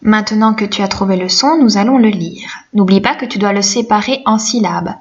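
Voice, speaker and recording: Gentle French woman teaching children to read. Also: mid-range voice, highs cut off. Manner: slow, gentle, encouraging. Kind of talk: reading lesson for young children.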